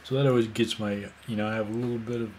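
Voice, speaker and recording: A man's voice: fairly low pitch, fairly even intonation, fast talker, darkish tone, a little hiss or hum. A man in his sixties telling a rambling, casual story full of fillers and asides. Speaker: vlogger.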